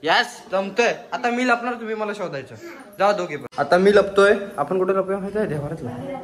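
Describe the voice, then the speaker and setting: A man's voice: sits high, brisk, fairly bright tone. A man vlogging at home while playing with his little sisters, playful and coaxing, laughing often. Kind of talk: casual family vlog chat. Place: at home indoors.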